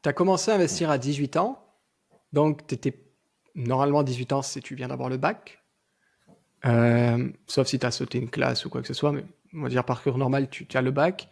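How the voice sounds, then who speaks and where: A man's voice: mid-range voice, normal speed, gravelly, darkish tone. A man interviewing a guest in casual, conversational talk. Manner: conversational, questioning.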